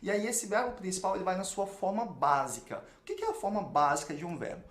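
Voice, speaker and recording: A Brazilian Portuguese-accented man teaches an online English lesson, walking through each rule step by step. His voice sits high for a man, and he checks in often. The room around him is audibly echoey. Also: sing-song, quick pace. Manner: explains step by step, with frequent checks like "ok?" and "beleza?".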